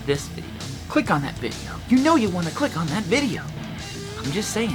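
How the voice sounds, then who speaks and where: A man gives a casual guitar lesson, explaining as he plays and counting out fret numbers. His voice sits high and sounds congested and nasal, with a sing-song, slightly quick delivery.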